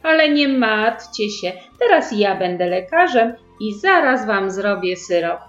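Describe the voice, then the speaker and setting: A woman voicing a stubborn little girl with a cold, whining and protesting loudly. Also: mid-range voice, very animated, measured pace. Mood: excited. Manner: whiny, protesting, shouting. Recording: roomy, dull sound with faint music.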